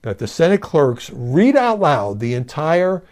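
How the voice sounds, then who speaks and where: Animated, mellow-voiced male news commentator. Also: on the high side, a little slow. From Brooklyn, New York. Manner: animated, emphatic, conversational. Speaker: news media commentator and show host.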